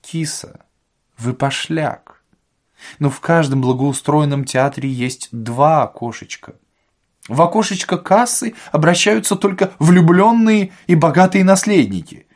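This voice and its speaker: A man's voice: fairly high pitch, expressive, unhurried, pitched above the performer's own voice. A man voicing a self-assured, mocking young swindler who drawls emphatic, ironic remarks in an audiobook. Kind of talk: audiobook character voice.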